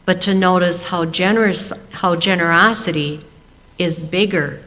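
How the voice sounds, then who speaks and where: A woman leading a service, reading a measured, scripted introduction of the speaker. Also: fairly low pitch, fairly bright tone, in a large hall. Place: fellowship hall.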